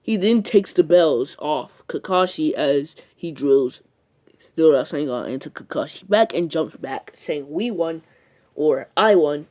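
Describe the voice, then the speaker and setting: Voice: medium pitch, a little slow, mellow. A narrator telling a fan-made what-if story in a casual, rambling way, full of "like" and "uh" and restarts. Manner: rambling, with frequent fillers and restarts.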